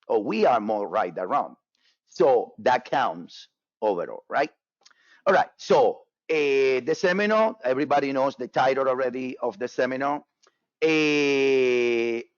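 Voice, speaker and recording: This live webinar talk comes from a Cuban-born man presenting on trading, recorded dry and muffled with no echo. His voice is mid-range, and his casual delivery repeats itself, packed with fillers as he keeps starting over.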